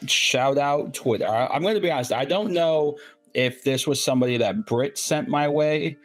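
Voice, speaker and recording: A man's voice: fairly high pitch, normal speed, faint music behind. A man co-hosting a podcast in casual chat, with dry, self-deprecating humor. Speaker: podcast co-host.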